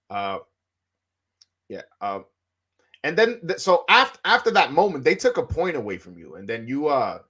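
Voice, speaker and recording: A man's voice: medium pitch, a bit bright. A Dominican man interviewing a boxer, asking in Spanish and translating into English, with many fillers and restarts. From Dominican Republic. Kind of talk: bilingual interview with own translation.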